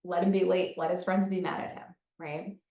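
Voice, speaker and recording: A woman's voice: fairly low pitch, level tone, normal speed. A woman presenting a psychology lesson in a conversational style, often checking in with "right?". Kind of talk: recorded presentation. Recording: muffled, echoey, from a distance.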